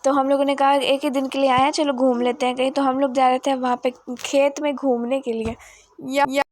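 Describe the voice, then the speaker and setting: Young woman rambling through a family vlog, high bright-ish voice, chatty and loose, outdoors in the village. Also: level tone, brisk, no echo. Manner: chatty, rambling storytelling with English words mixed in. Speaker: vlogger. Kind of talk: casual family vlog narration.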